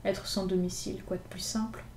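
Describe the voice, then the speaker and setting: A woman reading a classic novel aloud in an expressive, lively storytelling manner. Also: medium pitch, fairly quick, a little hiss or hum. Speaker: reader. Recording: echoey room with faint ambience.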